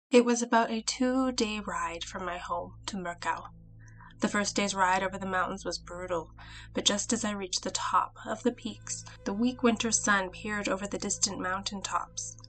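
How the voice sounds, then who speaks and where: A woman hosting a podcast and reading her own folktale retelling in a clear, measured way. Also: medium pitch, fairly bright tone, rough recording. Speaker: podcast host and storyteller.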